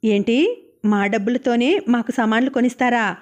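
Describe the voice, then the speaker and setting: A woman's voice: fairly high pitch, normal speed, a little mellow, natural voice. A woman voicing an ambitious, domineering young husband who talks in a demanding, brusque way.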